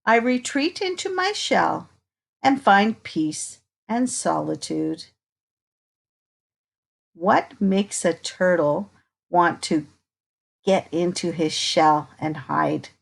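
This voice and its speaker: Reading a picture book to children, this woman speaks in a lowish, gravelly voice. Her delivery is expressive and unhurried, and she breaks off at points to invite the little ones in with questions.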